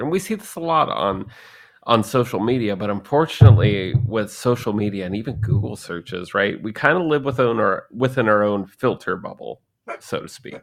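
A gravelly, fairly low-pitched voice belongs to a man in his thirties co-hosting a casual podcast. He jokes and rambles, often impersonating whoever he quotes.

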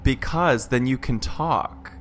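A man's voice: mid-range voice, slow pace, fairly bright tone, faint music behind. A man chatting casually as a player in a tabletop role-playing game. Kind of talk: casual chat.

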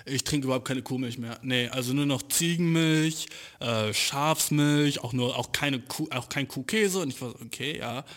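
A man's voice: medium pitch, normal speed, a bit bright. A young man telling a story in a casual rant, heavy on slang and swearing, mocking the people in it and often cracking up. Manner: profane, slangy, mocking, breaks into laughter. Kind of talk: casual ranting anecdote.

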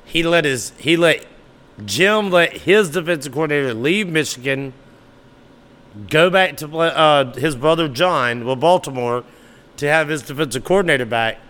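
A man's voice: on the high side, normal speed, fairly bright tone. A man hosting a solo sports podcast, talking casually and animatedly, sometimes arguing back at imagined listeners. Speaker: podcast host.

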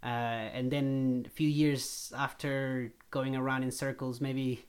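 A man of mid-range pitch speaks. He tells his own story in an earnest, reflective way. This is a casual conversation about faith. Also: little pitch movement, a little slow, a little mellow, clean tone. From Chile. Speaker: missionary guest.

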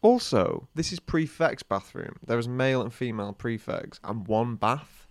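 A man's voice: mid-range voice, expressive, moderate pace, no echo. A man co-hosting a comic podcast, trading dry, absurd jokes and laughing often. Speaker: podcast co-host.

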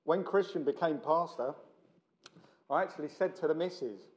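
A man's voice: fairly high pitch, normal speed. A middle-aged man with a South London accent preaching in a chatty, joking, blokey and self-deprecating way, as a visiting speaker. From South London, England. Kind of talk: informal sermon to a church meeting.

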